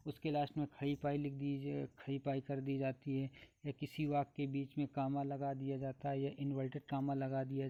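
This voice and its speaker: A man teaches an exam-prep grammar lesson, going item by item through a numbered list. He asks his own questions and answers them, repeating each point. His voice sits a little high and sounds dry and close. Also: dry recording, narrow, tinny audio.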